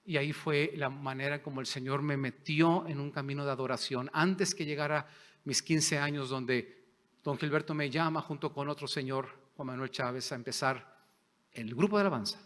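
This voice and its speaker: A man preaching a sermon as pastor, impassioned, swinging between loud declarations and hushed, near-whispered prayer. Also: medium pitch. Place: church sanctuary. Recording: long hall reverb.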